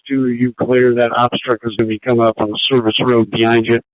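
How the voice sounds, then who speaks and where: Flat-voiced man over a tinny radio. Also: medium pitch, brisk, no room sound. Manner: calm, procedural radio talk. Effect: heard over a two-way radio. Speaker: air command radio dispatcher. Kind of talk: radio dispatch traffic. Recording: tinny dry radio transmission.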